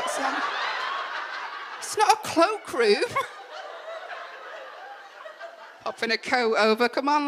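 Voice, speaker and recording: A young woman with a Mancunian accent performing a live stand-up comedy set on a club stage, chatty and full of quick asides, with the audience laughing. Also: fairly high pitch, background noise. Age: young adult. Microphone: stage microphone.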